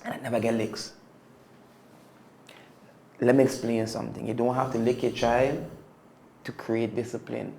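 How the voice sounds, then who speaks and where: Gravelly Caribbean man telling his story. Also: mid-range voice, little pitch movement, normal speed, long pauses, a little mellow, echoey room. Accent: Caribbean English. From Caribbean (Statia). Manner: reflective, emphatic, slangy. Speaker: podcast guest, DJ. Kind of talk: casual storytelling interview.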